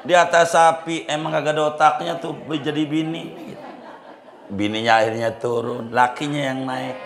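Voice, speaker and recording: A man's voice: on the high side, fairly even intonation, normal speed, fairly bright tone, echoey room, a little hiss or hum. A man preaching a humorous sermon with a Betawi Jakarta accent, telling a folk story, acting out villagers' voices and laughing often. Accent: Betawi Jakarta colloquial. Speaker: Islamic preacher.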